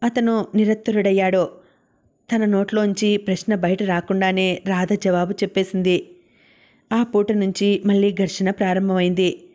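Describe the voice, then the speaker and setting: A woman narrating a novel as an audiobook in a steady, even reading. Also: mid-range voice, moderate pace.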